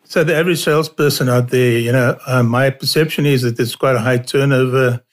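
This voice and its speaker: A man's voice: medium pitch, steady tone, a little fast. A man hosting an interview, asking questions conversationally and backing the guest with frequent murmurs of agreement. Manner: conversational, frequent mm-hmm backchannels. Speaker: interview host. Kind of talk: podcast interview.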